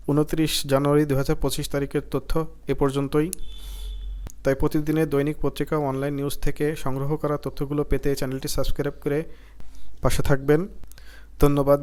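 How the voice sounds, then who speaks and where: A man from Bangladesh reads out job exam quiz questions, giving each answer afterward in a lower, softer voice.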